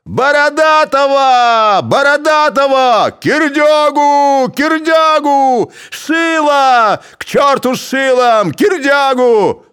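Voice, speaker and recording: A man shouting as a roaring drunken Cossack mob. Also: very high voice, lively intonation, slow, pitched above the performer's own voice, heavily acted. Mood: bellowing. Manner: bellowing, jeering shouts.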